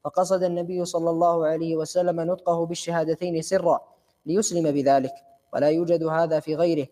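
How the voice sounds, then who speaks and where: Brief: man reader, mellow tone, fast flat delivery, long reverberant hall. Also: fairly high pitch. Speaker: student reading the text aloud. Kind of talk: reading a classical text aloud.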